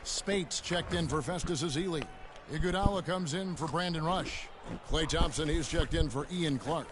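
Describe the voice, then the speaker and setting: A man's voice: a little high, background noise, lightly acted. A man voicing the play-by-play announcer in a basketball video game, calling the action. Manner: crisp, measured announcer delivery. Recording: game audio with loud music.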